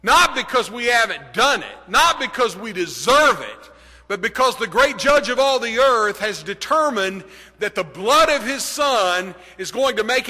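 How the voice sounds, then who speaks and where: A man's voice: very high voice, pushed and bright. A middle-aged man preaching a sermon, telling a personal story and building to emphatic declarations. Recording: long hall reverb.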